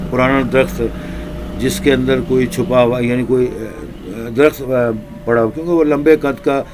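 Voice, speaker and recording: A male preacher tells a religious story slowly, repeating himself and lingering in pauses. His voice has a medium pitch. Faint noise runs underneath. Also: darkish tone. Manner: slow, repetitive telling with drawn-out pauses. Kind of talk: storytelling sermon.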